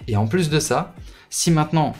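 A man's voice: on the high side, animated, normal speed, a little mellow, soft background music. A man, a gaming YouTuber chatting casually with his viewers in a hesitant way, full of fillers and repeated words.

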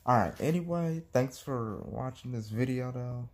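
A man vlogs on his phone in a slightly mellow, mid-range voice at normal speed. His talk to the camera is loose and rambling, giggly and unsure, full of restarts.

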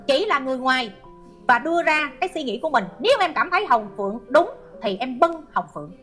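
High bright-voiced woman. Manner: scolding and sarcastic toward a hater. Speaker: online commentary host. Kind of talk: reading viewer comments and ranting.

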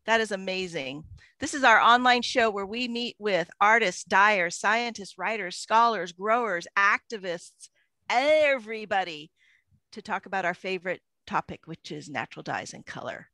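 A woman's voice: mid-range voice, expressive, normal speed, sharp tone, no room sound. A woman hosting an online show over a video call, upbeat and playful. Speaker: host.

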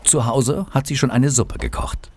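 A man's voice: medium pitch, fairly even intonation, moderate pace, darkish tone, slightly rough, dry recording. A man reading scripted documentary narration as a studio voice-over.

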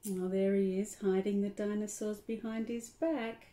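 A woman's voice: medium pitch, fairly even intonation, measured pace, warm tone. An older woman reading a picture book aloud to children, stopping to talk about the pictures. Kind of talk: storybook read-aloud to children.

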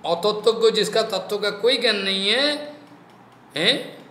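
A man gives a devotional sermon in a high, bright voice. He talks slowly and acts out the people he quotes. The room rings with echo. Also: lively intonation. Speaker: spiritual teacher. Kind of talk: devotional discourse.

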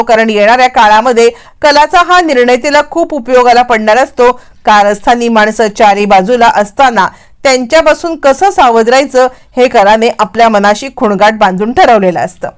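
High, smooth-voiced woman narrating a serial recap. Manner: flowing, animated retelling with English words mixed in. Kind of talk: dramatic storytelling recap of a TV serial.

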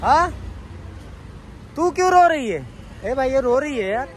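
A man vlogging casually on a phone camera around his office, hurrying people along excitedly. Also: very high-pitched. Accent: Mumbai Hindi. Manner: excited, hurried urging. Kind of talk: casual vlog chat. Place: office building and street, crowded. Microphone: handheld phone camera. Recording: busy crowd noise behind.

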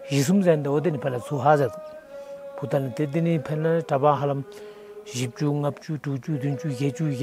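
A middle-aged monk telling the history of his monastery in an outdoor interview, recorded on a lapel mic. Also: medium pitch. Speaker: senior lama of the monastery.

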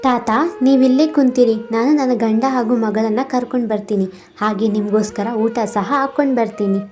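A woman's voice: fairly high pitch, normal speed, darkish tone, soft background music, close to an everyday voice. A woman voicing a poor, kind young mother in a cartoon, polite and earnest. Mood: gentle.

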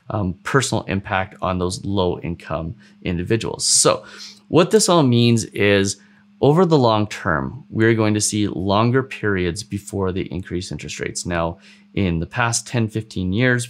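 Low-voiced man explaining mortgages to camera. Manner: steady, earnest explaining with hand gestures. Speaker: mortgage advisor. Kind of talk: explanatory video commentary. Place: dark studio set with purple backlight.

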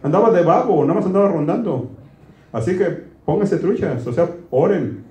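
A man's voice: high voice, animated, moderate pace, dark tone, roomy sound, lo-fi sound. A man preaching a conversational sermon, folksy and quizzing his congregation with questions. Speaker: pastor.

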